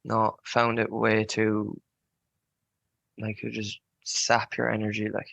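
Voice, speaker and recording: A man's voice: lowish voice, completely flat delivery, slow pace, gravelly, fairly bright tone, no room sound, muffled recording. A man in his early twenties chatting casually and colloquially, peppering his talk with filler words like "like". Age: early 20s. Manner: colloquial, frequent "like" and "you know". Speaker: podcast guest, student on work placement. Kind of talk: casual chat.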